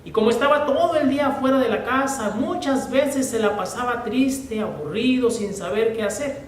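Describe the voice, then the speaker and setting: A male pastor preaches in an earnest, deliberate way, slowing down to read scripture. His voice sits high for a man and rings around a roomy church hall. The mic is well back, with a faint rumble beneath. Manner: earnest, slow and deliberate when reading scripture. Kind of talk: sermon with storytelling. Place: church sanctuary. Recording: echoey church from a distant mic.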